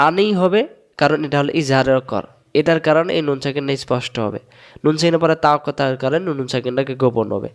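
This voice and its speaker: A man teaching Quran recitation rules online, explaining patiently and chanting letter names over and over slowly. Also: mid-range voice. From Bangladesh. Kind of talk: online lesson.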